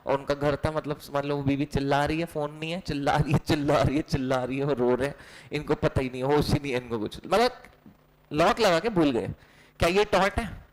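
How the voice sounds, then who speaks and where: A man's voice: fairly high pitch, brisk, low-quality recording. An Indian male teacher giving a playful online lecture, joking and quizzing his students with repeated lines. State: recently unwell. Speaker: online exam-prep teacher. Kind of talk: energetic classroom lecture.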